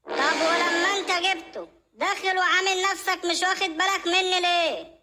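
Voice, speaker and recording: A swaggering schoolyard bully in a cartoon. He barks bossy, threatening orders in an Egyptian Arabic accent. His voice is pushed a little lower yet stays high and bright. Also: steady tone, normal speed. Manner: bossy, threatening street talk. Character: swaggering schoolyard bully boy, demanding and menacing. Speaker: cartoon voice actor.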